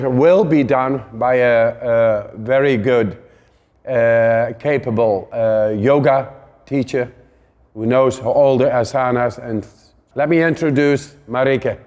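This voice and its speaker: Man, slow halting delivery, long reverb. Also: mid-range voice, a little mellow. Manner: hesitant, many fillers. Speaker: course host. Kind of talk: introducing a course.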